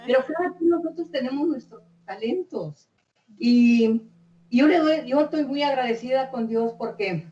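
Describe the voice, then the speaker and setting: In an echoey room with a faint hum, an older woman singer speaks from a distance in a mid-range, darkish voice. Her interview is warm, rambling storytelling, chatty and folksy, with frequent "¿eh?" tags and words said twice.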